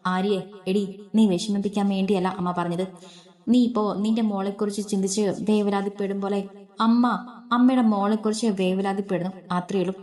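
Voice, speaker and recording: A protective brother speaks softly and reassuringly to calm his sister, as a woman reader plays him. His tone stays gentle and even, at a middle pitch. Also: a little fast, natural voice. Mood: soothing. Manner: soothing, reassuring.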